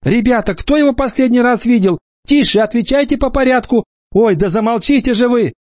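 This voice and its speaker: A man voicing a young female teacher who shouts names and scolds a crowd of small children. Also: very high-pitched, fairly quick, no echo, dull audio, pitched above the performer's own voice. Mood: scolding, flustered.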